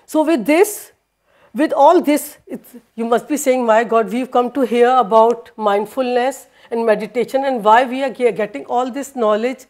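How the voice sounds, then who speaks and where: A far camera across a lecture hall records a high-pitched woman whose first language is Hindi teaching a university class. She's hesitant, restarting and filling pauses constantly, switches into Danish, and her voice is a little mellow.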